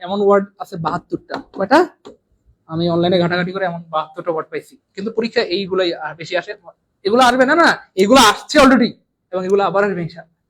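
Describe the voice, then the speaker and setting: A man with a Bangladeshi Bengali accent teaching an English exam lesson live online, repeating and drilling words and swinging between loud and soft. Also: high voice, slight background noise, rough recording.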